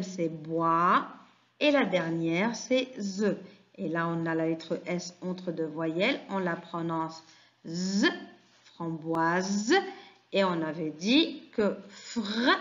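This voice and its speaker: A woman teaches very young pupils at an unhurried, deliberate pace, stretching out every word and pausing for answers. Her questions and quick praise come in a patient classroom manner. The sound is dull and a little lo-fi. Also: mid-range voice. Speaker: French teacher. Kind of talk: classroom lesson for young children.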